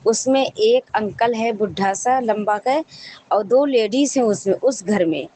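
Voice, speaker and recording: A woman's voice: fairly high pitch, measured pace, noisy background. A woman sharing a devotional testimony with a congregation, telling her story in a rambling, repetitive way with frequent restarts.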